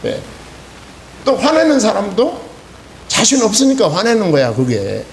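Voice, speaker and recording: A man's voice: high voice, wildly swooping pitch, unhurried. A man in his sixties with a Chungcheong accent, preaching an evening sermon in a folksy storytelling way, with frequent affirming interjections. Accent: Chungcheong Korean. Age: 60s. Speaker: pastor. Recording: echoey church hall with faint hiss.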